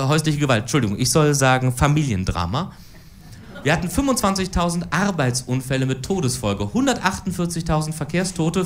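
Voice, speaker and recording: A deep-voiced woman in her forties does political cabaret stand-up in front of a live crowd, her delivery dry and ironic. There's a slight amount of background noise.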